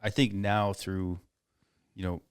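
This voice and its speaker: A man hosting a podcast, talking in a relaxed, agreeable way with casual swearing. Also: sits low, slow, clean tone, no echo, studio quality. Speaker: podcast host. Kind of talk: casual conversation. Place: podcast studio.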